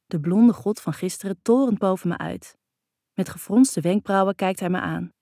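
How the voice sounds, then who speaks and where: A woman narrating a first-person novel in a calm, even reading voice. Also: mid-range voice, moderate pace, no room sound, studio quality. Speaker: audiobook narrator.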